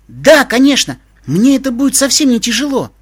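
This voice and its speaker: A man's voice: sits high, expressive, fairly quick, pushed and bright, pitched above the performer's own voice, full character voice. A man putting on an eager young pony colt. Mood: glad. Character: timid polite young male pony.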